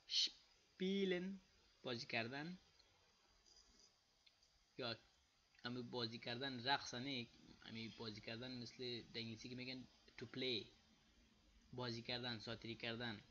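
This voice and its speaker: A man with an Afghan Dari accent giving a casual spoken lesson, saying example words slowly and loudly, then explaining them quietly. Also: medium pitch, lo-fi sound. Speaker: language teacher.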